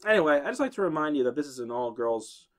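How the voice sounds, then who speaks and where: A young man hosts a podcast, reading a horror story aloud to his friends at a quick, sing-song pace. He raises his pitch whenever he voices the girls' lines.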